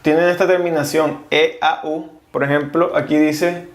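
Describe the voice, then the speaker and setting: A man's voice: a little high, level tone, normal speed, reverberant. A man teaching a casual video lesson, explaining grammar rules step by step and spelling out letters. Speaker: French teacher.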